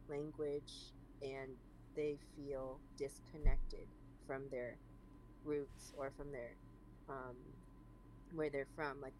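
A young adult guest with an American accent, born in China and raised in San Francisco, talking casually in an interview with many fillers. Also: mid-range voice. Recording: noisy recording.

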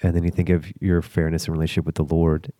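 Low, mellow-voiced man. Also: flat delivery, fast talker, no echo, studio quality. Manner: earnest, thoughtful, reasons aloud. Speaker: podcast co-host, father. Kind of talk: reflective faith discussion.

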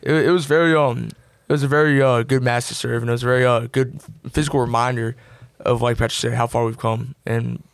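A young man in his late teens co-hosting a student podcast, telling a self-deprecating story with lots of halting restarts. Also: mid-range voice, fairly even intonation, vocal fry, no echo. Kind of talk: casual podcast chat.

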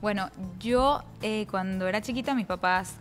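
Lively Venezuelan woman telling her story. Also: mid-range voice, faint music behind. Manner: animated storytelling, fast bursts. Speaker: guest speaker. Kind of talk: casual interview chat.

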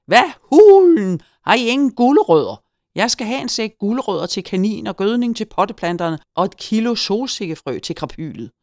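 A woman voicing a grumpy little old male farm gnome who shouts and huffs, in a storybook reading. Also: a bass voice, big pitch swings, creaky, no room sound, studio quality, heavily acted. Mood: furious. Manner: shouting, huffy, cantankerous.

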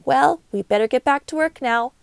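A woman voicing a strong, busy female worker ant in a storybook, brisk and matter-of-fact. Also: sits high, creaky, clear, resonant tone, no echo.

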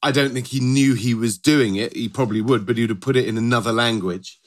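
A man's voice: mid-range voice, fairly quick. A middle-aged British man co-hosting a podcast in a conversational style, often rephrasing as he goes. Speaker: podcast co-host.

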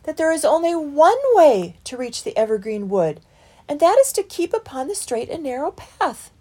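A woman's voice: high-pitched, sing-song, normal speed, warm tone, pitched above the performer's own voice. A woman voicing an earnest young male mouse on a pilgrimage, in a pleading, sing-song storybook voice.

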